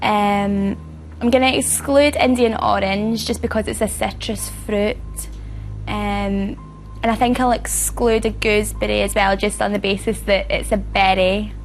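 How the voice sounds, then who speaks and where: A woman in her twenties, a quiz contestant, reasoning her answers aloud with thoughtful pauses. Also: mid-range voice, steady tone, soft background music. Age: 20s. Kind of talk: game show answers and chat.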